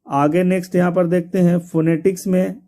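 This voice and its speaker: High, flat-voiced male tutor. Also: normal speed. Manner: repeats points, spells out words letter by letter. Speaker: exam coaching teacher. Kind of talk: explaining a syllabus to students.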